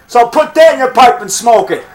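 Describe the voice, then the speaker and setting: A man's voice: extremely high pitch, expressive, normal speed. A middle-aged man in a combative, off-the-cuff phone argument, defiant and boastful, punctuating his points with "brother" and "pal.". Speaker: low-budget monster movie maker.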